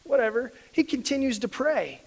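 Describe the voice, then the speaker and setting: A pastor delivering a sermon, swinging between quiet reflection and emphatic, louder stretches. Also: male voice, extremely high pitch, lively intonation, normal speed, creaky, husky, rough recording.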